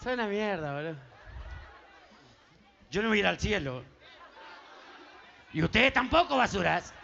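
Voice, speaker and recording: A man's voice: high-pitched, big pitch swings, a little slow, vocal fry, sharp tone, highs cut off, a faint crowd, slight background noise. A man with an Argentine accent doing crude, teasing stand-up on an outdoor festival stage, laughing at his own jokes. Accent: Argentine Spanish. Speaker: stand-up comedian. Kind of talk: live stand-up joke telling.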